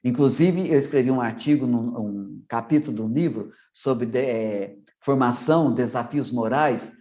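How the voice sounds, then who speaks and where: Fast-talking Minas Gerais priest, muffled. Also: male voice, mid-range voice, mellow. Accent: Minas Gerais Brazilian Portuguese. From Minas Gerais, Brazil. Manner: fast, slightly anxious delivery that swallows syllables and trips over words. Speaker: priest and theology professor giving a formation talk. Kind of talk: lecture to religious formators. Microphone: video call.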